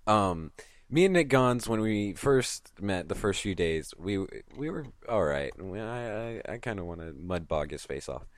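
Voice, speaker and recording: A man's voice: on the low side, animated, measured pace, dry recording. A man co-hosting a casual podcast, bantering and swearing as he jokes around. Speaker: podcast co-host.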